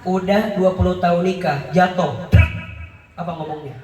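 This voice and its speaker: A man's voice: high-pitched, moderate pace, heavy background noise. A man preaching a humorous sermon, quizzing the congregation and acting out scenes. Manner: joking, questions the crowd, acts out scenes. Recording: echoey hall, mic far off.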